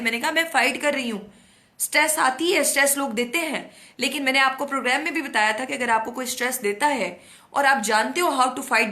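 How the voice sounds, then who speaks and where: A middle-aged woman host with a hoarse throat, talking outspokenly in a casual monologue and mixing in English words. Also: high-pitched. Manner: outspoken, animated, mixes English words into Urdu. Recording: echoey room, no proper mic.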